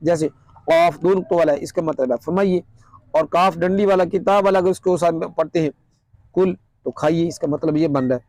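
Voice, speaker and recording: A man with a Pakistani Urdu accent teaches a religious lesson, speaking in an earnest, explanatory way. His voice sits fairly high. He slows right down to recite Arabic lines, and the recording is dry and close. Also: a little mellow, no echo. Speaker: Quran teacher.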